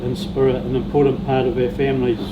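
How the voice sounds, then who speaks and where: A man, the oldest brother-in-law, giving a steady and lightly humorous eulogy at a funeral. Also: mid-range voice, fast talker, lo-fi sound. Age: older. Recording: roomy venue heard from a distance with background noise.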